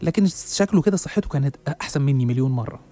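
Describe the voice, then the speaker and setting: Fast-talking Egyptian man telling a horror story. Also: mid-range voice, expressive, dark tone. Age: young adult. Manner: rapid, dramatic, with hesitant restarts. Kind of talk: first-person horror story narration. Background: faint music.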